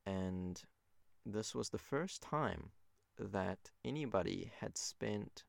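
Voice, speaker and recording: A man's voice: on the low side, animated, slow, gravelly, dry recording. A man born in Japan and raised abroad, hosting a solo podcast in an earnest, loose way with frequent fillers. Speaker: podcast host.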